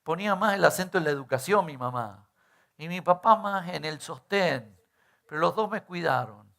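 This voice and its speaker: A man's voice: a little high, expressive, moderate pace, creaky, fairly bright tone. A middle-aged male pastor, preaching in a conversational way and often tagging on rhetorical questions. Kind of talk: sermon.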